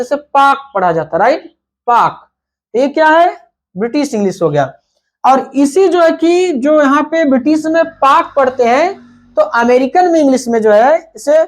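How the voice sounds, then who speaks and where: A man teaching a lesson, spelling words out letter by letter and asking himself questions as he explains. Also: very high voice. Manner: repetitive, rhetorical questions. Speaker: English teacher.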